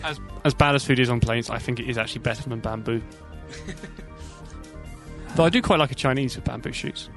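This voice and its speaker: A man co-hosting a comedy podcast, joking quickly with nerdy asides. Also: mid-range voice, fairly bright tone, faint music behind. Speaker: co-host.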